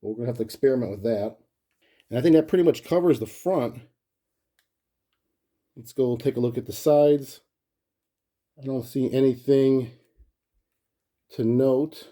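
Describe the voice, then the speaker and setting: With a warm, medium-pitched voice and a measured pace broken by frequent pauses, a male collector walks through a gadget hands-on. It sounds relaxed and unscripted, like he's thinking aloud.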